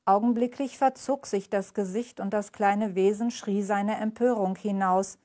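A woman author reading from her crime novel at a live book reading, measured and clear. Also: mid-range voice, steady tone, warm tone.

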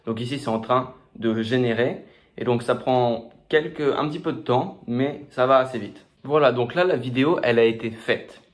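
French-speaking man giving a casual software tutorial. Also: mid-range voice, normal speed. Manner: casual, with many fillers and restarts. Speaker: tutorial host. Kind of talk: screen-recorded software tutorial.

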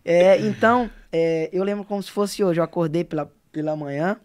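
A man's voice: sits high, moderate pace, smooth. A young man from Sergipe, Brazil, a singer telling stories as a podcast guest with lots of fillers. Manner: animated storyteller, filler-heavy. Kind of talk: casual interview chat.

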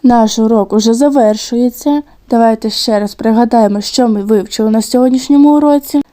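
A woman teacher walks young children through a recorded lesson, stretching words slowly and clearly so they can hear every syllable. Her voice sits a little high but has a soft, mellow tone. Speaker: primary school teacher. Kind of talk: recorded video lesson for second graders.

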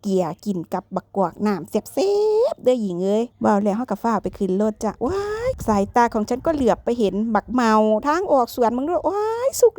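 A woman with an Isan accent chats through a farm outing, fast and a bit high, full of playful exclamations. Her voice is close and dry. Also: darkish tone, no echo. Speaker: vlogger. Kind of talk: casual narrated farm vlog.

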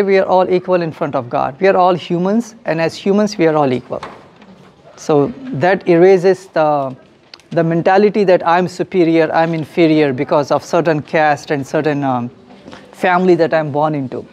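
A man's voice: on the high side, moderate pace, darkish tone. A young man from India, guiding visitors at a mosque and explaining to them in a friendly, explanatory way, often laughing. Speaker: mosque guide and educator. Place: mosque hallway, then classroom.

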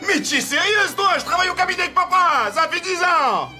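A high-pitched man doing crude sketch comedy, throwing out brash insults with a lively, swinging delivery. Music runs under his voice. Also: fairly quick.

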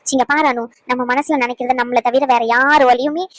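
A woman's voice: high-pitched, steady tone, brisk, dry recording, low-quality recording. A woman voicing cartoon dialogue in an emphatic, scolding, lecturing way. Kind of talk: cartoon voice acting.

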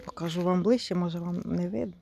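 A woman's voice: on the low side, fast talker, gravelly, warm tone, slight background noise. A woman in a casual vlog, cooing and baby-talking to her cats outdoors while filming on a handheld phone. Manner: coos and baby-talks to cats. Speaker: vlogger. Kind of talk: casual vlog feeding pets.

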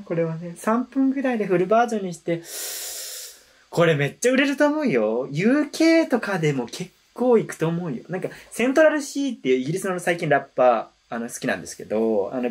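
A woman hosting a reaction video, chatting casually and explaining song lyrics in an animated, talkative way. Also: on the low side. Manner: chatty, animated, switches between explanation and excited comments.

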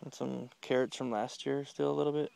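A medium-pitched voice, gravelly yet smooth, comes fairly quick and flat from a man filming his children outdoors in the home garden. As he walks with a handheld camera, he casually quizzes them on plant names, curious and encouraging of their answers.

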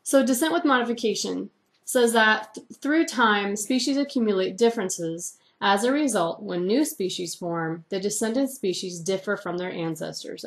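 A woman teacher giving a recorded lecture, reading largely from her own typed notes in an explanatory way. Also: medium pitch.

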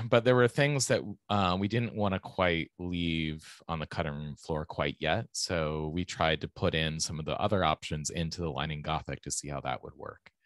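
A low-voiced man walks through design sketches for a talk, loose and easygoing, full of ums and uhs. His voice is recorded dry and close. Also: moderate pace, few pauses, dry recording. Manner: relaxed, explanatory, many fillers. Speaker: type designer presenting. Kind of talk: casual conference presentation.

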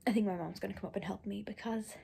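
A woman's voice: mid-range voice, steady tone, quick pace, creaky, warm tone, slightly rough. A young woman chatting casually in a rambling vlog, full of fillers, first while driving and later at home. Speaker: vlogger. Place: in a car, then at home.

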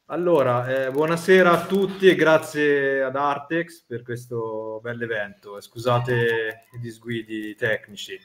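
A middle-aged man speaking spontaneously as a guest on a live online panel, polite and somewhat halting. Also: mid-range voice, fairly even intonation, a bit bright. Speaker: artisan blacksmith, guest. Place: plain-walled indoor room. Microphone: device mic on a video call.

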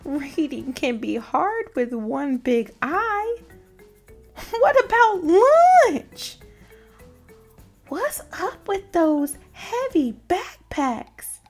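For a storybook read-aloud, a woman fully voices a childish cartoon pigeon that is anxious and dramatic. Her high, very animated voice whines and exclaims with drawn-out words, sounding panicked, fretful, and theatrical over soft background music.

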